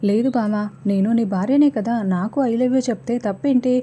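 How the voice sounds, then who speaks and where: A woman's voice: a little high, normal speed, mellow, a little hiss or hum, lightly acted. A woman reading the lines of a stubborn young wife who playfully coaxes her husband. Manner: coaxing, stubborn.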